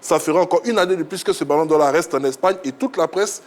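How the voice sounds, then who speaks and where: A male pundit breaks down the season at length in a slightly high voice. His delivery is explanatory and assured. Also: quick pace. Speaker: football pundit. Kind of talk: studio analysis.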